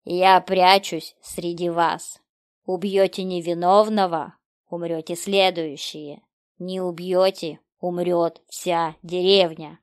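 A woman voicing a cruel, mocking hidden maniac in a horror story, speaking slowly with a hiss. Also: lowish voice, level tone, no room sound, clean studio sound. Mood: taunting. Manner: slow, taunting, hissing delivery.

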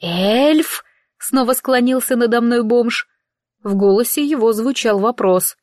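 A woman's voice: a little high, fairly even intonation, normal speed, a little mellow, no echo. Woman narrating with dry wit. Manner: wry, dry-humoured. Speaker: audiobook narrator. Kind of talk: first-person audiobook narration.

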